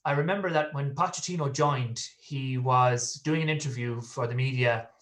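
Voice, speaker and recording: A man's voice: medium pitch, moderate pace, fairly bright tone. West of Ireland man, chatting casually. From Galway, west of Ireland. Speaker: podcast guest, football fan. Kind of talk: casual interview chat, telling personal stories.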